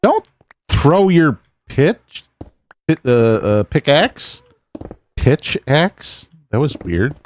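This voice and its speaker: A man's voice: fairly high pitch, sing-song, drawn-out words. An American man chatting casually while streaming a game, rambling and musing aloud as he plays. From United States. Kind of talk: casual gameplay chat with chat.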